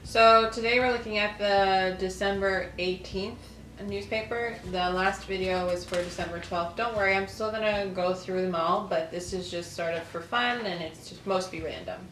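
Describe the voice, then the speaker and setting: In a mid-range, slightly bright voice, a woman hosting a lifestyle channel video mixes casual conversation with reading from an old newspaper. Her intonation stays fairly even at a normal speed, and the echoey recording carries faint music and slight background noise.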